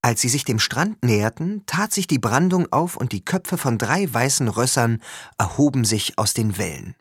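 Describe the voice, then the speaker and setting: A man reading a first-person story aloud as an audiobook, with expressive, lively storytelling. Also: medium pitch, moderate pace, husky, dry recording, studio quality. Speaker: audiobook reader.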